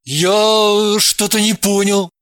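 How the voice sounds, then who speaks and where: A woman's voice: medium pitch, fairly even intonation, slow pace, no room sound, clean studio sound, natural voice. A woman voicing an easygoing man who teases and jokes casually in a storybook reading. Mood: teasing. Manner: teasing, casual. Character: easygoing joking man, friend.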